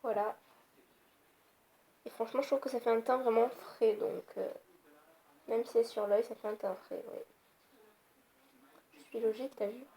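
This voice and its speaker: Chatty young woman, slightly high voice. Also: steady tone, moderate pace, vocal fry, long pauses, warm tone. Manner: chatty, rambling, easily annoyed. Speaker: beauty vlogger. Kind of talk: casual makeup tutorial. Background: faint noise of passing cars.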